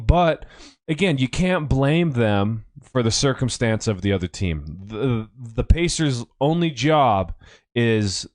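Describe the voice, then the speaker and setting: A man hosting a casual sports podcast, his voice a bit strained from yelling, rambling and correcting himself as he talks. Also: medium pitch, dry recording, studio quality. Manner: rambling, self-correcting, conversational. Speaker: podcast host; youth coach.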